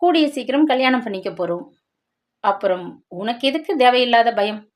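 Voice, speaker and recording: An earnest young fiancé, voiced by a woman narrator, talking in a reassuring tone. The voice sits fairly high, as in a spoken family drama. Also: animated, moderate pace, close to an everyday voice. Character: young adult man, eager fiancé, a teacher. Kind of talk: dramatic storytelling.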